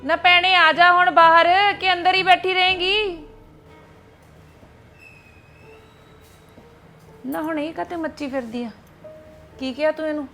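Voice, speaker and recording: A woman's voice: extremely high pitch, steady tone, normal speed, bright, forceful tone, faint music behind, heavily acted. A woman playing an ailing, quarrelsome older mother-in-law in a family web drama, scolding and indignant. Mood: coaxing.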